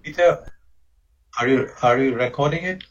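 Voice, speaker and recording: A man's voice: medium pitch, normal speed. A man from Tanzania, a professor chatting in friendly short replies on a video call. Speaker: professor and panelist. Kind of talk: casual video-call chat. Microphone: computer mic on a video call. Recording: dull lo-fi video-call audio.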